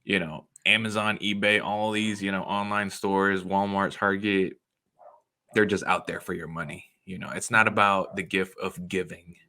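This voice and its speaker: A man co-hosting a casual trading podcast, cracking jokes and telling animated stories. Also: low-pitched, normal speed. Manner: wisecracking, animated storytelling. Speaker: podcast co-host. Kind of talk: casual banter on a trading show.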